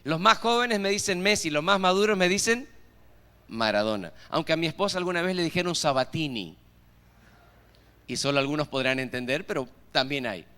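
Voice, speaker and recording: This man's fairly high, sharp, clean-toned voice moves at a fairly quick pace. He's a pastor with an Argentine accent giving a sermon in a reverberant church hall, regularly directing rhetorical questions at the congregation.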